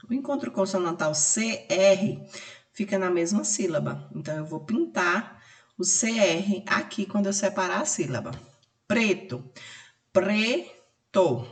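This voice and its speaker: A woman with a Brazilian accent teaching a recorded class, explaining each step slowly and patiently. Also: fairly low pitch, distant mic. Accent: Brazilian Portuguese. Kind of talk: recorded remote class lesson. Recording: roomy echo, off-mic.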